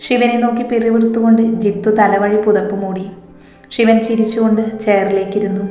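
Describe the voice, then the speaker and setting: A woman narrating a romantic story in a steady, even storytelling manner. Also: mid-range voice. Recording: roomy echo, faint background music.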